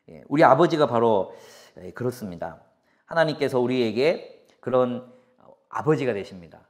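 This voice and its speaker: A man in his forties preaching a sermon, his pitch swinging widely as he drives points home. He repeats short emphatic lines in a steady preaching cadence and slips into personal stories. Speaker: pastor.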